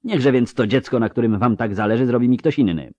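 A man voicing a proud, defiant young woman in an audiobook, heated and prone to shrill outbursts. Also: lively intonation, slow, vocal fry, a little mellow, no room sound, dull audio, full character voice. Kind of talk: audiobook character reading.

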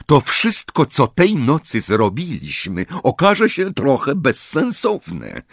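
A man voicing a calm, kindly middle-aged father who reasons patiently. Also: mid-range voice, slow pace, vocal fry, slightly rough, no echo, studio quality, voice pushed up, full character voice.

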